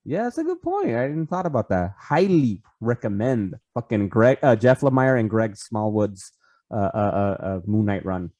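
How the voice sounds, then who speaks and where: A man's voice: fairly low pitch, sing-song, normal speed, warm tone, dry recording. A man co-hosting a casual podcast over a video call, rambling with lots of restarts, fillers and swearing. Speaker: podcast co-host.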